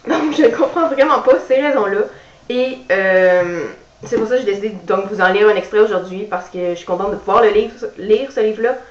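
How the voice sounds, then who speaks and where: A woman's voice: mid-range voice, a little fast. A young woman from Quebec chatting casually on her vlog, with many fillers, who also reads aloud. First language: French. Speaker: book vlogger. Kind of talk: casual chat and reading aloud. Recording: roomy, distant, dull sound.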